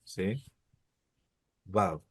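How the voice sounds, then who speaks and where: A middle-aged man teaching a live online Hebrew lesson, explaining letters slowly and patiently and often checking with "¿sí?". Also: sits low, animated, husky, dry recording, clean studio sound.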